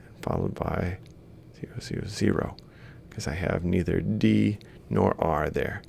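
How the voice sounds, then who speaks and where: A male university lecturer narrates an instructional screen recording, explaining in steps and reading values out piecemeal as he thinks aloud while writing. He has a low, gravelly, slightly mellow voice and a measured pace, with a little hiss or hum in the background.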